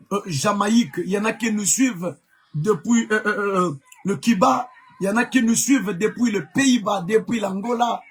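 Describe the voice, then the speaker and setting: A man from Congo preaching a live-streamed sermon as an evangelist, emphatic, repeating key words, with many fillers. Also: high voice.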